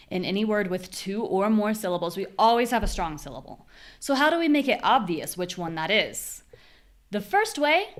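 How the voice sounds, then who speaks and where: A woman with a General American accent teaches a live online pronunciation class in a mid-range, slightly bright voice. She explains patiently and clearly, exaggerating syllables to demonstrate stress.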